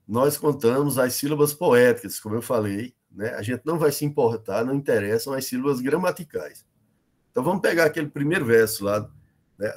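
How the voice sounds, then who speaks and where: A middle-aged man with a Brazilian Northeastern accent, teaching an online lesson on poetic meter and checking in with his students often. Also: mid-range voice. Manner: explanatory, many fillers and checks like "né?" and "beleza?".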